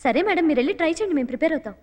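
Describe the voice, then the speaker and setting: A polite, encouraging young teacher in a film comedy. Her voice is high and quick, gentle in tone and full of support. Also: animated, no room sound. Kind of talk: comic film acting.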